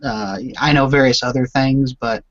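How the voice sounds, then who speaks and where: A man's voice: medium pitch, fairly even intonation, moderate pace, a bit bright, no room sound. A man chatting casually with friends, joking and hesitating with fillers. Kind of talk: casual group chat. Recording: dry dull lo-fi sound.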